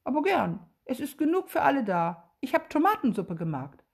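A warm, welcoming mother from a children's story, played by a woman reading aloud. She sounds friendly and hospitable, pitched a bit higher than a plain speaking voice. The tone is breathy. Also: lively intonation, moderate pace.

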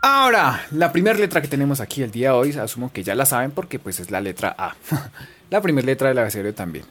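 Lively-voiced woman, playful and chatty, teaching English to beginners. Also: extremely low pitch, fast talker. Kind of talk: casual online lesson.

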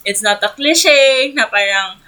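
A Filipino woman co-hosting a casual chat, her voice bright and forceful. She gushes excitably and slips English phrases into her Tagalog. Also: mid-range voice, unhurried, low-quality recording. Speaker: podcast co-host.

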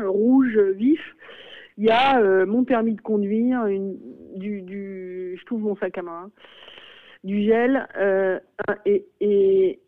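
A middle-aged woman, a school principal, talking in a radio interview, hesitant with many fillers and exclamations. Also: mid-range voice. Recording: phone-like radio sound.

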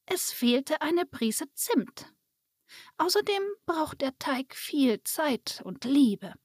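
A woman voicing a small, plump, grandmotherly female Christmas fairy who talks slowly and gently. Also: sits high, big pitch swings, no echo, studio quality, voice pushed up, exaggerated voice. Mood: thoughtful.

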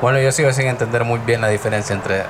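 Agreeable man chatting amid loud noise. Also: mid-range voice, steady tone, fast. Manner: agreeable, repeats short affirmations. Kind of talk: casual chat. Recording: very noisy street-like ambience.

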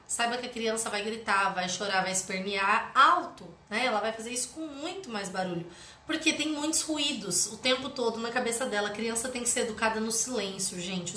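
A bright, clear-voiced woman teaches parents in a chatty, conversational way. She often ends her phrases with "né?". Her voice rings around an echoey room with a faint hum behind it. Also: on the high side. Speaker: parenting educator. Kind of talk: live teaching, reading a book aloud and commenting.

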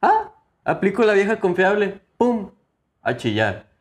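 A young man with a Mexican Spanish accent chatting casually, slangy and swearing, his pitch jumping up and down. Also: very animated, unhurried. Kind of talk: casual chat.

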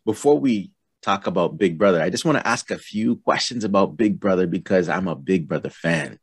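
A man's voice: deep voice, lively intonation, fairly quick, slightly rough, dry recording, studio quality. A man hosting a podcast, asking easygoing, curious questions in a casual interview. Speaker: podcast host.

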